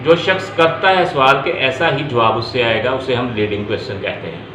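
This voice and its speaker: Speaking briskly in a mid-range voice with a bright, forceful tone, this Pakistani-accented man lectures on law, restating every point in steps and slipping in English terms. Faint noise sits behind the echo of the room.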